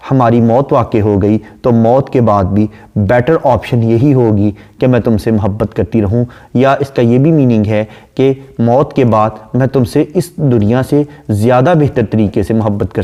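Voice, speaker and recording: A man, lecturing on a poem and explaining it line by line, reading the verse slowly. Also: mid-range voice, dark tone. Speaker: literature lecturer.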